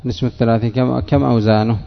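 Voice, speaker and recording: Male teacher running a question-and-answer grammar class, deliberate and methodical, echoey room, dull lo-fi recording. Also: mid-range voice, little pitch movement, gravelly. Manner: quizzes students by name, spells out word patterns deliberately. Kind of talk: grammar lesson with questions to students.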